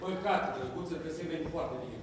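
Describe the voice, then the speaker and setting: Nasty yelling theatre director, high voice, roomy stage sound, mic way back. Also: male voice. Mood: mocking. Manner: shouting, insulting, sarcastic. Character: hot-tempered, abusive male theatre director. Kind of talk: stage play acting. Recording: echoey theatre hall, mic far off.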